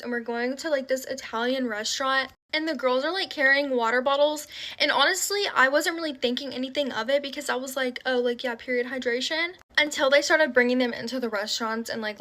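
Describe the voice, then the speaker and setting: A young woman with a high, bright voice tells a personal story in a chatty storytime vlog. She fills her sentences with "like" and acts out what everyone said as she goes. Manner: chatty, filler-heavy with frequent "like"; animated retelling with quoted dialogue.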